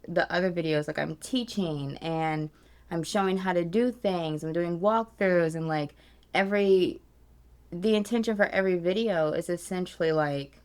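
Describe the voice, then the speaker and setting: A woman in her thirties vlogs to camera with candid, emotional energy, her voice sitting a little low. She gets animated and sometimes drops to a hushed tone when she talks herself down. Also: clean tone. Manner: animated and emotional, self-soothing in hushed tones. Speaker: vlogger and business coach. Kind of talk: candid casual vlog.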